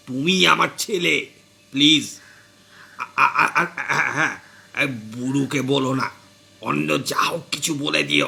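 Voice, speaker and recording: A man voicing a meek old father-in-law who pleads in a slow, whining, coaxing way. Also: on the high side, creaky, pushed and bright, exaggerated voice.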